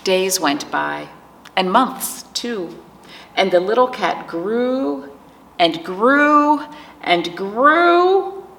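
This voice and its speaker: Speaking very slowly in a medium-pitched, expressive, creaky voice, a woman librarian hosts a virtual storytime. She reads a picture book to the children and gently asks them simple questions.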